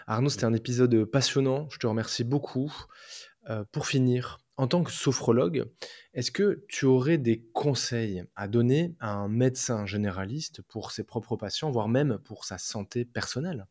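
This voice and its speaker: A man's voice: medium pitch, a little mellow. A man hosting a podcast interview, giving brief acknowledgments and asking polite closing questions. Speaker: host, general practitioner podcast.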